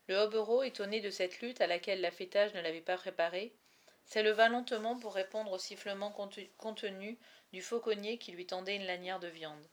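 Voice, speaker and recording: Woman reading a novel aloud. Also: mid-range voice. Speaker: reader.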